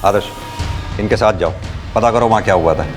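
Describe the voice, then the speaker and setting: An actor playing a senior police officer who questions people firmly in a TV crime drama. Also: male voice, lowish voice, brisk, faint music behind, natural voice. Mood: authoritative. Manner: firm, interrogating. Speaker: police inspector.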